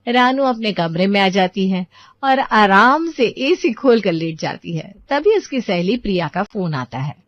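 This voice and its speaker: A woman's voice: mid-range voice, lively intonation, a little slow, no echo, lo-fi sound. A woman narrating a family story as the storyteller.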